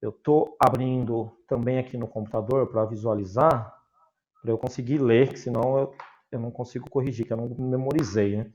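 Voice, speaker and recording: A man's voice: medium pitch, steady tone, brisk, a little mellow. Brazilian man teaching English online. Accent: Brazilian Portuguese. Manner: explains patiently with examples. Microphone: video call.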